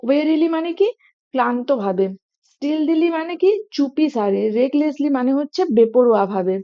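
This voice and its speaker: A high-pitched woman teaches exam spelling. She spells each word out letter by letter and mixes English into the lesson. The recording is dull and lo-fi. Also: lively intonation, brisk. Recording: dull lo-fi audio.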